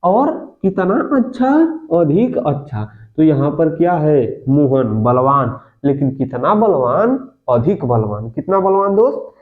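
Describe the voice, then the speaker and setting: A man's voice: fairly high pitch, very animated, takes it slowly. A male teacher giving a grammar lesson, asking questions and answering them himself, repeating key words and calling his listeners friends. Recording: phone-like lo-fi audio.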